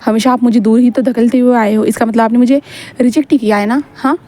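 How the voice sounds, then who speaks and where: Woman voicing a whiny young student guy, pleading, high, mellow tone. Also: fairly even intonation, fast talker, lightly acted. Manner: pleading, protesting questions.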